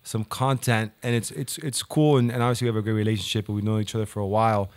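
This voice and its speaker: A man's voice: lowish voice, flat delivery, quick pace. A man hosting a casual video chat, upbeat and talkative, often repeating words as he goes. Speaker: host.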